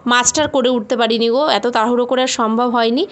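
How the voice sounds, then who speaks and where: A woman's voice: fairly high pitch, steady tone, quick pace. A mother and home vlogger telling viewers about her busy day in a chatty, rambling voice-over. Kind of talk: casual voice-over narration of a daily routine.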